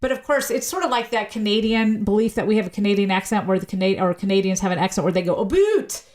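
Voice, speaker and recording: A woman sociolinguist explaining language as a guest in a podcast interview, spelling words out slowly and laughing easily. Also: mid-range voice, fairly even intonation, a little mellow. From United States.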